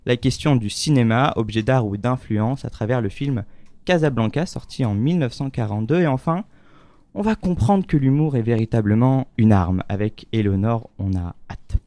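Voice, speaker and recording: A man's voice: medium pitch, normal speed, dark tone, dry recording. A man hosting a French student radio show, introducing guests in a friendly, loose way from the studio. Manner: friendly, introduces guests with small stumbles and laughs.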